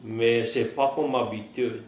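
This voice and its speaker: Cajun French man, 50s, plain-spoken interviewee, slow pace, faint background noise. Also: mid-range voice, steady tone, a little mellow, roomy sound. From southern Louisiana, United States. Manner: plain-spoken, rural vernacular. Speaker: interviewee, trapper and fisherman. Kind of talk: oral-history interview, recounting past life.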